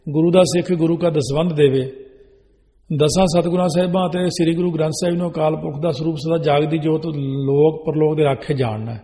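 A Sikh preacher gives a sermon on wedding rites, listing rules one by one in an instructive way and chanting scripture verses. His voice is fairly high and dark, with a steady tone and slightly fast pace, trailed by long reverb.

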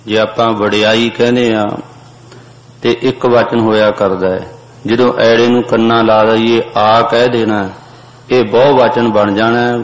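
A man teaching how to pronounce sacred verses. He chants each line slowly, then explains it plainly. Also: medium pitch. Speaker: scripture recitation teacher. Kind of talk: slow chanted recitation with spoken pronunciation notes. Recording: dull lo-fi audio with long hall reverb.

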